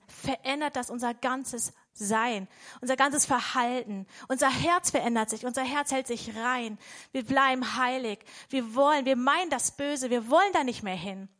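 High-voiced woman giving a chatty sermon. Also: a bit bright. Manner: conversational, with frequent "ja?" checks to listeners. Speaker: preacher. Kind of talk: devotional sermon.

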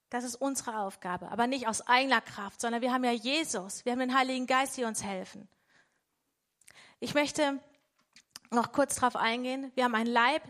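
Woman preacher with a high voice, chatty devotional teaching that keeps checking in with the congregation. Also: a bit bright. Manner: conversational, with frequent "ja?" checks to listeners. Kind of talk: devotional sermon.

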